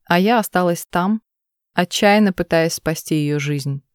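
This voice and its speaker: A woman reading the lines of a desperate mother who pleads through tears, in a low, dry voice. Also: unhurried, no echo, lightly acted. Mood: tearful pleading. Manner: pleading, urgent. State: crying.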